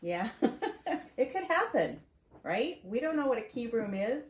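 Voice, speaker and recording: Reading a picture book to her grandchild, a middle-aged woman uses a fairly high, sing-song voice and a slightly slow delivery. She encourages the child with chatty asides and questions that check understanding. The setting is an indoor home study lined with wooden shelves, recorded with roomy echo, faint noise and clicks.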